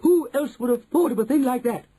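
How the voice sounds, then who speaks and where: A man voicing eager, nasty storybook witches with shrill, excitable, gushing exclamations. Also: unhurried, breathy edge, exaggerated voice. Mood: impatient, admiring.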